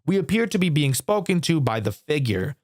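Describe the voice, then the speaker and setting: A man's voice: on the high side, very animated, fairly quick, no room sound, clean studio sound. A young man giving casual game review commentary as a YouTuber, candid and swearing freely. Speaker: gaming YouTuber.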